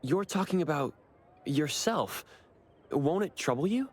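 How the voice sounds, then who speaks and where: A man voices a reserved, polite young man in an anime game, speaking in an understated, hesitant, earnest way. His voice is fairly high-pitched and animated, delivered at a measured pace.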